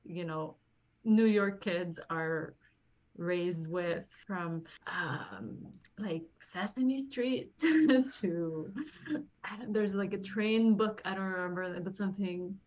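This Lebanese woman in her thirties speaks slowly in a lowish, slightly mellow voice. She's a performing artist and acting teacher chatting casually as an interview guest, often laughing as she talks.

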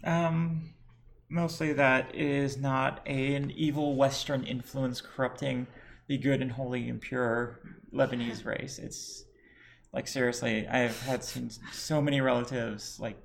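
A man in his forties talks in a relaxed, conversational way, slipping sarcastic asides into a long personal story. His voice has a gravelly, fry-edged texture at an ordinary middle pitch. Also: measured pace, a little hiss or hum. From United States. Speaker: podcast co-host. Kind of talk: casual chat, storytelling.

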